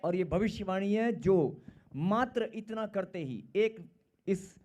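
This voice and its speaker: A middle-aged man preaching a sermon, emphatic and repetitive, swinging between loud calls and quiet asides. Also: high-pitched, slow.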